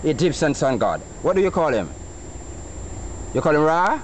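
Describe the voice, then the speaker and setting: Animated Jamaican man teaching over outdoor noise. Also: on the high side, normal speed. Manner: didactic, quizzing listeners with rhetorical questions. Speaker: Rastafarian farmer. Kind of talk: informal street philosophizing. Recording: noisy outdoor recording with traffic.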